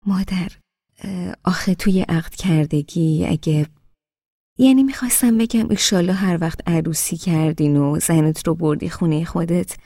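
Storybook granny, old and gentle, a touch higher and louder than the reader's own low, gravelly, mellow voice, dry sound, read by a woman. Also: no echo. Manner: hesitant, stops and restarts. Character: sweet-talking elderly grandmother, gentle and hesitant.

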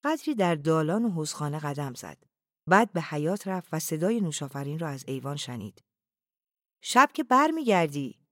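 Calm, hushed audiobook narrator. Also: mid-range voice, dry recording, studio quality. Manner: calm, even, often hushed.

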